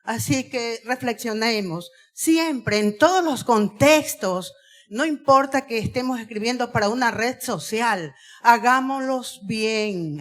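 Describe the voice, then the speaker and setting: Slow, deliberate woman speaker. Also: on the high side, fairly bright tone. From Ecuador. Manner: deliberate, stretches key words, asks the audience questions. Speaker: guest speaker on Spanish usage. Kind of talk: school auditorium talk to students. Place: school auditorium.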